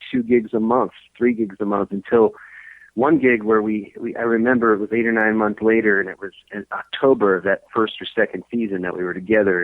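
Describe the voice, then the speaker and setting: A man in his thirties talks casually as a podcast guest, rambling and restarting his sentences often. His fairly low voice comes through a tinny, phone-quality line, dry and close. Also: dry recording. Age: 30s. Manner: rambling, many fillers and restarts. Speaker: guest musician.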